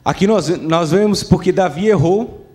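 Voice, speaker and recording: A man's voice: high voice, moderate pace, mellow. A man preaching a sermon at a church service. He speaks emphatically, repeats his phrases and keeps checking in with the congregation.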